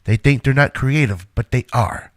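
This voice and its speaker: An actor plays Einstein in an audio drama, a reluctant, indignant inventor earnestly protesting on behalf of the work he's devoted to. His medium-pitched voice moves at a moderate pace and is close to an everyday voice, recorded dry at studio quality.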